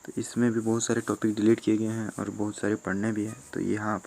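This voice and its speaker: A man from Jharkhand, a teacher, going through a school syllabus in a steady listing manner with fillers. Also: fairly low pitch, fairly quick, gravelly, a little hiss or hum. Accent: Jharkhand Hindi. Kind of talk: explaining a syllabus.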